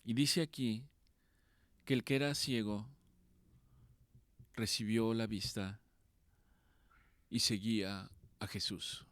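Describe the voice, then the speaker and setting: A man preaching a sermon, swinging between loud pleading and quiet, slow passages. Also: lowish voice, steady tone, dry recording.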